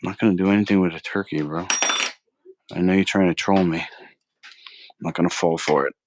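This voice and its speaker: Heavy background noise surrounds a deep male voice speaking at normal speed with fairly even intonation. He's hosting a live cooking stream, rambling casually with slang, arguing with chat mid-cook and repeatedly calling people "bro."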